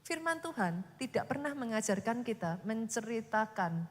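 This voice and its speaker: A woman pastor, preaching a dramatic sermon that swings from loud to whispered. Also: on the high side, big pitch swings, normal speed. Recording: long hall reverb.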